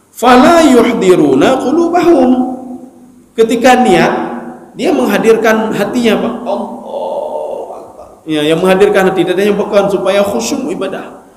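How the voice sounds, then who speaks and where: Guy preaching in a mosque, voice jumps all over, jokey, echoey room. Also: high-pitched. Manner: animated, acts out mumbled recitation, jokes. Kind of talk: mosque study sermon. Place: mosque hall.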